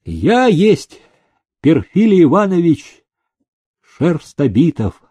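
A man's voice: medium pitch, sing-song, slow, warm tone, husky, no room sound, heavily acted. A man voicing a proud old servant who answers his captor boldly and mockingly. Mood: defiant. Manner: bold, mocking.

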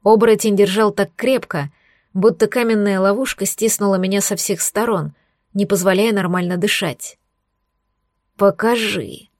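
A woman reading a first-person romance audiobook aloud in a steady, even storytelling manner. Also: medium pitch, moderate pace, no room sound, clean studio sound. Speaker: audiobook narrator. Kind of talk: first-person scripted narration.

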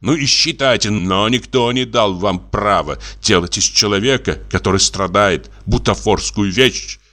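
A man's voice: lowish voice, a little slow, pushed and bright. A man reading the part of a bitter, furious middle-aged country doctor, harsh and biting, clipping every word.

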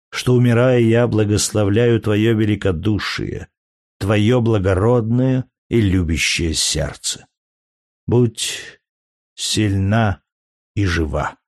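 A man's voice: on the low side, a little mellow, no echo, clean studio sound. A man reading an audiobook, voicing a doomed noble warrior's solemn, mournful farewell letter. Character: doomed male gladiator leader, noble, farewell.

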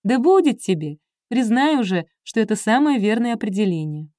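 A woman's voice: on the high side, very animated, normal speed, dark tone, dry recording, studio quality. A woman reading an audiobook, voicing a playful, impulsive young woman in a chirpy, teasing tone. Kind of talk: audiobook character voice.

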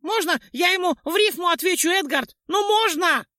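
A man doing a shrill little flying pest. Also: expressive, normal speed, sharp tone, no echo, studio quality, heavily acted. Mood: pleading. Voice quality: thin squeal. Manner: pleading, egging on. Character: tiny shrill flying female creature, foul-mouthed. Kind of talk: audiobook character voice.

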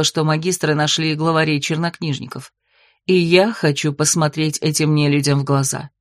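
A woman voicing a queen, tender yet resolute, speaking softly and earnestly. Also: low voice, no echo, studio quality, close to an everyday voice.

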